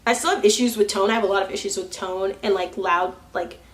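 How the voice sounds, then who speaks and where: A young woman speaks openly to her camera in a relaxed, chatty vlog. She laughs often and slips into quick impressions of other people while she talks. She is curling her hair as she goes. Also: medium pitch. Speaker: vlogger. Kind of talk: candid personal vlog.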